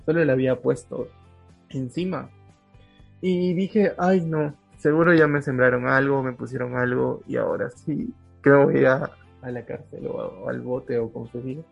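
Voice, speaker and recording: A man with a gravelly, husky voice tells a story in a relaxed chat, acting out each line of dialogue with lots of laughter. The sound is dull and lo-fi, with faint music underneath. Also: medium pitch, normal speed. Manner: animated, acts out dialogue, laughs often.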